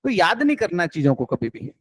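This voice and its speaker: A man's voice: high voice, sing-song, fairly quick, no echo. A man teaching an accounts class, coaxing and encouraging his students and mixing in English terms.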